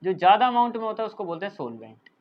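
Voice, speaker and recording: A male teacher explaining a science lesson, often checking in with "thik hai" and slowly dictating definitions as he writes them. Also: high-pitched, big pitch swings, highs cut off. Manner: dictates English definitions slowly while writing. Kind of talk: classroom lecture.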